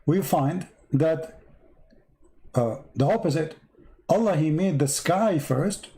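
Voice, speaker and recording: Speaking slowly in a slightly high, dark voice, a man hosts a live debate despite losing his voice. He is not an English speaker, and he reads verses and presses a caller with repeated questions.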